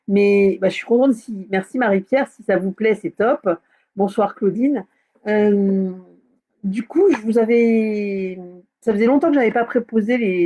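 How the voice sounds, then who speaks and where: A woman's voice: medium pitch, mellow. Chatty woman hosting a craft live stream. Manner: chatty, hesitant with many fillers, greets viewers. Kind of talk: casual live craft tutorial. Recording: slightly dull lo-fi sound.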